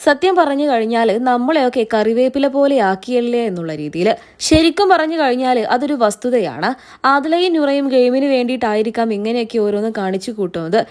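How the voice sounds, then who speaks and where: A woman giving scripted voice-over commentary as a reality show commentator, in an even, explanatory recap. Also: on the high side, a little fast.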